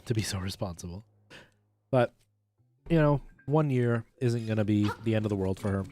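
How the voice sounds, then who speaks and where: Faint game music plays as a man from Canada streams a retro video game and chats casually. He speaks at a normal speed in a lowish voice with a dark tone.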